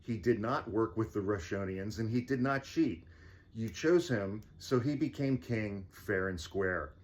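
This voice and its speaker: A man's voice: on the low side, unhurried, a little mellow, close to an everyday voice. A man voicing an earnest, self-important wizard investigator in a theatrical, declaiming way, as part of fireside storytelling. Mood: proclaiming.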